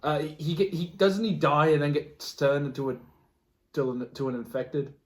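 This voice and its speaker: A podcast co-host with a somewhat high voice chats casually and conversationally at a moderate pace. There's slight noise in the background.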